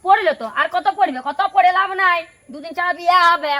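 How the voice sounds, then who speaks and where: Casting: woman as a sharp-tongued young stepmother, Purulia Bengali accent, bright high voice. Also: quick pace. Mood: complaining. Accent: Purulia Bengali dialect. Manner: sharp, scolding, quarrelsome. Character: harsh young stepmother, quarrelsome and scolding. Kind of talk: village home drama acting.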